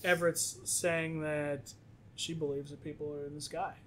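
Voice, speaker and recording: A fairly high-voiced man recaps a film for a co-host in loose, casual podcast talk. He jumps into the characters' voices as he retells scenes. A faint rumble sits under the recording. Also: normal speed. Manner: animated retelling, acting out characters' lines.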